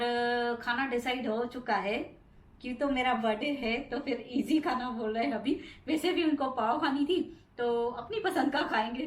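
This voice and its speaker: A middle-aged Indian woman chats through a casual home vlog, rambling about her daily chores inside her home. Her voice is a little high and sounds reverberant.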